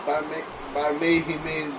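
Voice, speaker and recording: A man's voice: on the high side, completely flat delivery, unhurried. A man crudely trash talking his friend during a wrestling game. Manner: crude, mocking trash talk. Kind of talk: casual gaming trash talk. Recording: noisy mic.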